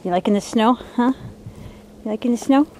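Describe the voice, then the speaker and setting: A woman's voice: on the high side, fairly quick, mellow, slight background noise. A woman outdoors in the snow, filming her dog on a handheld camera and talking to it in a coaxing pet-talk voice with commands and praise. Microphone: handheld camera she is filming with.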